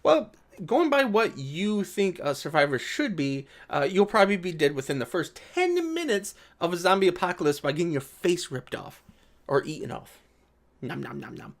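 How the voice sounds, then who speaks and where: A man with a high, sing-song, gravelly voice speaks at a moderate pace. He's a video creator reacting to an article, swinging between casual, sarcastic commentary and reading the piece aloud, and he sounds exasperated and swears freely.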